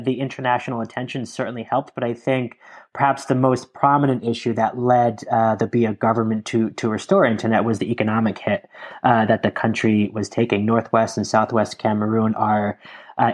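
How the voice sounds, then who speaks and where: A man from Connecticut speaks as a guest in a conversational interview. His voice sits at an ordinary middle pitch, and he lays out his points in long, earnest, analytical explanations. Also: fairly even intonation, normal speed. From Connecticut, USA. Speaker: guest, Africa democracy advocate.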